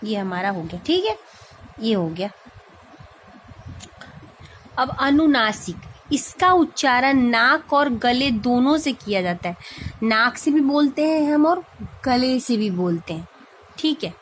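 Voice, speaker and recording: A woman with a fairly high voice walks through a grammar lesson step by step. She repeats her points and keeps checking that the class is following. A faint hum sits under the recording. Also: big pitch swings, slow, long pauses. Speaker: Hindi grammar teacher.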